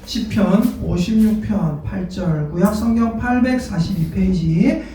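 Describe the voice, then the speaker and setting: A pastor preaching a sermon in a lively way, prompting the congregation to answer and repeat after him. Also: mid-range voice, unhurried, slight background noise. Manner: lively, calls for congregation responses. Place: church sanctuary. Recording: echoey church hall, mic far off.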